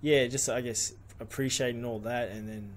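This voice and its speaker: A man's voice: mid-range voice, steady tone, normal speed. A man in his late twenties with an Australian accent, a guest on a podcast, speaking in a reflective, hesitant way with many fillers. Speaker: guest, rugby league player. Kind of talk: podcast interview. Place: small studio with curtain backdrop. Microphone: studio mic on boom arm.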